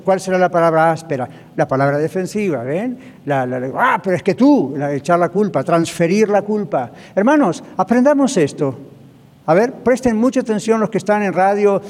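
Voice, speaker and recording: Male pastor, high voice, emphatic sermon delivery, reverberant hall. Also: darkish tone. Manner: emphatic, asks the congregation "¿ok?" and "¿ven?" often. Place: church hall, also broadcast on radio.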